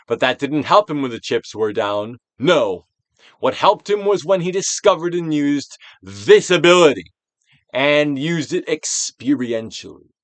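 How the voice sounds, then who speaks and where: A man reads a self-help book as a theatrical audiobook performance, with trained stage-actor delivery. His medium-pitched voice is emphatic, drawing phrases out so they swell dramatically and then fall to a hush. The recording is dry.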